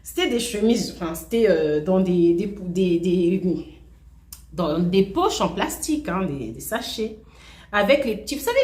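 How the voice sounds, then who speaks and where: A woman telling a personal story in a casual, chatty way, with joking asides and quoted dialogue. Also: on the high side. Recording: roomy echo.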